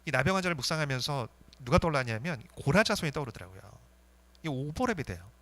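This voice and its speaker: A male pastor preaching a sermon in an earnest way, with swings between fervent rises and soft, intense drops. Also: medium pitch, very animated, quick pace.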